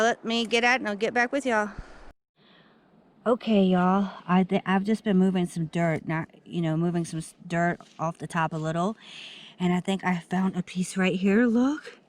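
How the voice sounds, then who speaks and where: A woman, vlogging outdoors into a handheld camera, excitable and chatty as she talks straight to viewers. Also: medium pitch, moderate pace. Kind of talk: casual outdoor vlog narration. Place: outdoors at a dig site.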